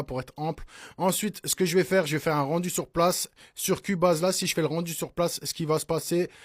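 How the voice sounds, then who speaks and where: Chatty man giving a software tutorial. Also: fairly high pitch, dry recording, clean studio sound. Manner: chatty, peppers speech with "hein" and "d'accord?"; addresses viewers as "les gars". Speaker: music production tutor. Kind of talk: casual screen-recorded tutorial.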